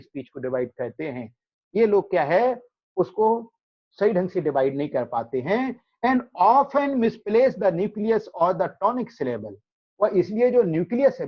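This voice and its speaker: Slow Indian man teaching pronunciation online. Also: high-pitched, husky. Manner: explains slowly, often asks and answers his own questions. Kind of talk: online class lecture. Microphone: video call. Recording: dull lo-fi video call audio.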